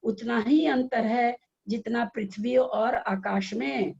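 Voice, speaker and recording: A woman teaching a scripture class, speaking slowly and repeating sentences so listeners can take notes. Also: on the high side, gravelly, a little mellow, husky, dull audio. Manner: slow, repeating sentences for note-taking.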